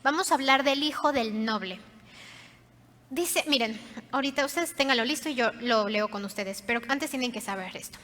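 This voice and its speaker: A woman pastor preaching a sermon, telling the story dramatically and often dropping to soft, hushed tones. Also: high-pitched, moderate pace. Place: church hall. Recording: reverberant church hall.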